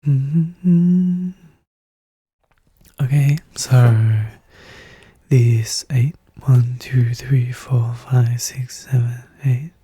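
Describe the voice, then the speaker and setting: Soft-spoken ASMR puzzle narrator: hushed, breathy half-whisper, flat unhurried delivery, calm and methodical, close dry sound. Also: mid-range voice, no room sound. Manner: calm, methodical, thinking aloud. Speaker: puzzle solver narrating own play.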